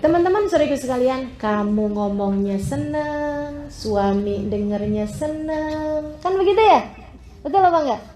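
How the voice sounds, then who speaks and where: A woman preacher giving a conversational sermon to women, with an animated manner. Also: high-pitched, unhurried, reverberant, some chatter behind. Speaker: Islamic preacher.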